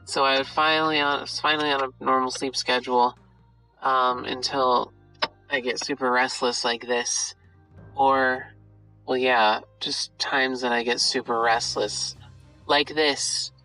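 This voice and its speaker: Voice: mid-range voice, flat delivery, a little slow, bright, forceful tone, faint music behind, poor audio. A tired person confiding troubles in a rambling, self-deprecating audio journal, casual and sweary, recorded on a phone. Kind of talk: rambling late-night confessional monologue.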